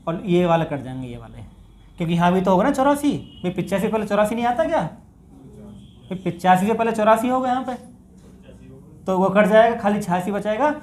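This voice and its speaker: A man's voice: sits high, darkish tone. North Indian man teaching maths. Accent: Hindi, north Indian. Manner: talks through steps, addresses students as bhai. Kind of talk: classroom maths lesson.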